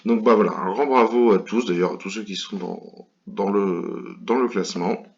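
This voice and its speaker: Low-voiced French man commentating bridge. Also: normal speed, dull audio. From France. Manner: hesitant, many fillers and restarts. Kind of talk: casual commented bridge game.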